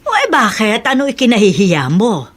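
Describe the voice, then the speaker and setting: A woman's voice: a little high, wildly swooping pitch, moderate pace. An actress playing a caring grandmother who soothes and lectures her grandson in a radio drama. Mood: concerned. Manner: soothing, scolding lightly. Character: gentle older grandmother giving advice. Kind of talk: Filipino radio drama acting.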